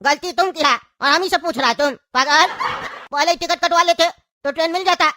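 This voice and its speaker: Woman putting on a bossy know-it-all guy, bhojpuri-region hindi accent, rattles along fast and high. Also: no echo, clean studio sound. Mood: teasing. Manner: scolding, mocking, loud. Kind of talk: comedy skit.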